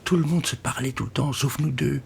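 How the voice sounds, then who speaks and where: A man voicing a shy, excitable young woman flutist who talks breathlessly and often drops to a whisper in this audiobook. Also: medium pitch, a little fast, vocal fry, slight background noise, voice pushed up. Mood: wistful.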